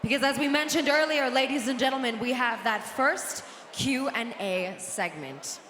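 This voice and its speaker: A woman co-hosting a live pageant, announcing with excitement and a build-up of suspense. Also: sits high, normal speed, slight background noise. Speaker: pageant co-host. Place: large event hall with music behind. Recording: echoey hall PA, loud music behind.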